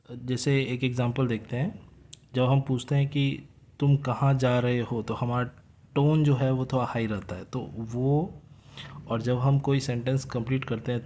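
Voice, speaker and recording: Young guy going over class notes, casual lecture, slows right down to read the english bits, voice in the middle range. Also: mid-range voice, warm tone, a little hiss or hum. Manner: reads English lines slowly, explains conversationally. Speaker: teacher explaining exam notes.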